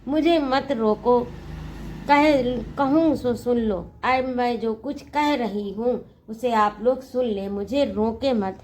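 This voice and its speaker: A woman teacher explaining a poem, reciting each line and then paraphrasing it in simple words. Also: fairly high pitch. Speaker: Hindi teacher.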